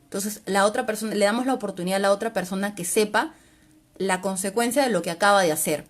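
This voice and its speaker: Woman psychologist doing a live stream, patient and explaining, keeps tagging "no?" at the end, mid-pitched voice. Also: fast talker. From Peru. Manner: explains patiently, often ending phrases with a questioning "¿no?". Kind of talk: informal live-stream talk on mental health. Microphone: livestream mic.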